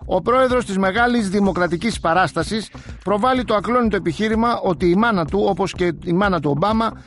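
A man's voice: high-pitched, a bit bright. A man hosting a radio show, delivering sarcastic satirical commentary and mock-interviewing clips.

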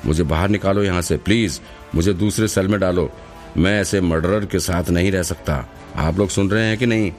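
Frightened jailed writer, shaky and yelling, very deep voice, a man reading it, faint music behind. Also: moderate pace. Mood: panicked. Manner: shouting, trembling voice. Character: panicked male writer jailed with a killer.

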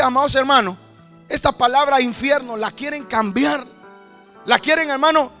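A man preaching a sermon with fervent, rhythmic delivery that bursts into shouts. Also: very high-pitched.

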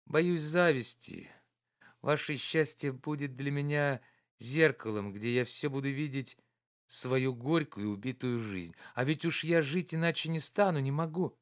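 A man voicing an excitable, soft-hearted gentleman in an audiobook, speaking in a high, fervent voice. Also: measured pace, natural voice. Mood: gloomy.

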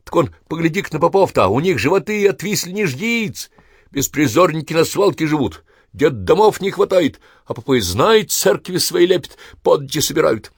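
A man voicing a rowdy, irreverent grown son who cracks loud jokes. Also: mid-range voice, animated, moderate pace, no room sound, clean studio sound, pitched above the performer's own voice. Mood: boisterous. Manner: boisterous, loud wisecracking.

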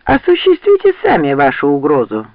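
A man's voice: a little high, huge pitch swings, moderate pace, creaky, no room sound, phone-quality sound, heavily acted. A man voicing a defiant, commanding young knight in an audiobook reading. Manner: commanding, mocking.

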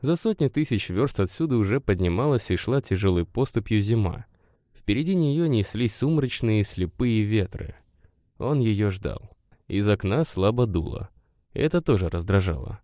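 A man narrating a literary story with a measured, expressive reading. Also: lowish voice, no echo, studio quality.

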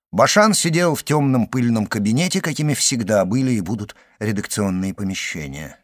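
A man narrating a classic novel as an audiobook, measured and expressive. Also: medium pitch, dry recording, clean studio sound.

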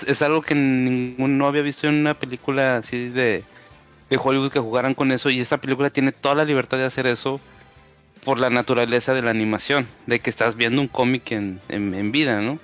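A man's voice: mid-range voice, a bit bright. A man on a casual podcast, giving long enthusiastic explanations full of fillers. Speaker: podcast co-host. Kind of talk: casual chat.

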